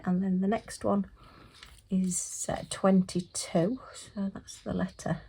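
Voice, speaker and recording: A middle-aged craft vlogger from England chats while sorting craft supplies at her desk at home, with an overhead camera capturing only her hands. Her medium-pitched voice is a bit hoarse from losing it, and she rambles along with frequent fillers and soft laughter. A little hiss or hum runs under the audio.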